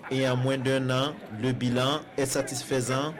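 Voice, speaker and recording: A man narrating a television news report in a measured, formal delivery. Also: mid-range voice, flat delivery, a crowd in the background.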